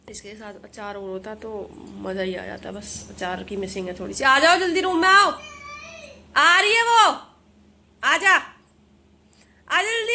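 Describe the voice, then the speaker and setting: A woman's voice: medium pitch, slight background noise. A young woman casually chatting as she vlogs her day at home, rambling along while she cooks and cleans, recorded on a phone camera. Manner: chatty, rambling, talks while doing chores. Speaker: vlogger. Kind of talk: casual home vlog chat. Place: home kitchen and rooms.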